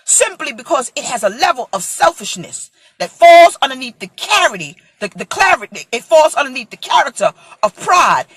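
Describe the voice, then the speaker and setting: A woman's voice: sits high, fairly bright tone, slightly rough, no room sound. A woman in her forties from Brooklyn, preaching in an impassioned, emphatic way and acting out voices in a vlog sermon. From Brooklyn, USA. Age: 40s.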